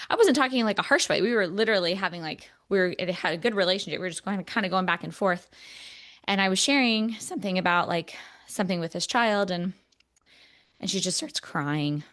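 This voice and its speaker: A woman's voice: on the low side, fairly quick, a bit bright. A woman co-hosting a podcast, talking in an earnest, reflective way with many fillers, close to tears. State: emotional, near tears. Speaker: podcast co-host. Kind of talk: casual podcast conversation.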